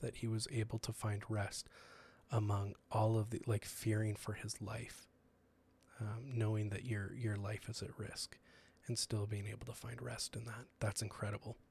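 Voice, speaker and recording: A young man speaks in a low, fairly flat voice, giving a casual sermon. He talks in an earnest, conversational way, with plenty of ums and restarts as he works through his thoughts. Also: moderate pace, creaky, a little hiss or hum. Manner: earnest and conversational, many fillers.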